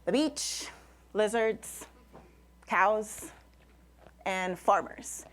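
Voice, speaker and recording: A Puerto Rican woman who speaks Spanish gives a live public presentation as an invited speaker and science communicator. Her medium-pitched voice has lively intonation and an extremely slow pace, and she speaks emphatically, often listing things in short phrases.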